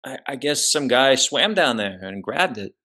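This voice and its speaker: Young joking podcast host, bright tone. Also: male voice, mid-range voice, very animated, moderate pace. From New Jersey. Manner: profane, joking, loose. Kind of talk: casual chat. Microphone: video call.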